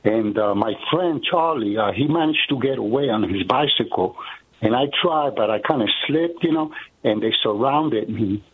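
A man's voice: mid-range voice, animated, moderate pace, a little hiss or hum. A man in his sixties from Puerto Rico, raised in Brooklyn, earnestly telling a personal story to a radio host and peppering it with "you know". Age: 60s. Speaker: radio caller. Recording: husky voice on a phone line.

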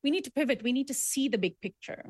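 Earnest woman, emphatic and fairly high-voiced. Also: animated, fast talker, breathy edge, no echo. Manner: earnest, emphatic, building arguments with repetitions. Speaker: author guest. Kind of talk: conversational interview.

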